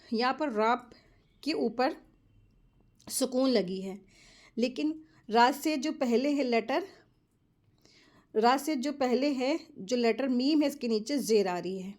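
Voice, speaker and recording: A woman teaches Quran recitation step by step, explaining each rule quickly and then reciting words slowly as examples. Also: high-pitched. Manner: slow, drawn-out model recitations between quick explanations. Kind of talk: step-by-step tajweed lesson.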